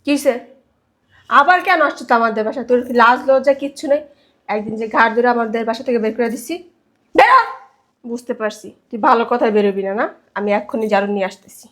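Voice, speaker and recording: A woman's voice: fairly high pitch, quick pace, fairly bright tone, close to an everyday voice. A woman playing a rude, spiteful younger sister. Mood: contemptuous. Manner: insulting, contemptuous. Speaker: actor. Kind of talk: low-budget web drama acting.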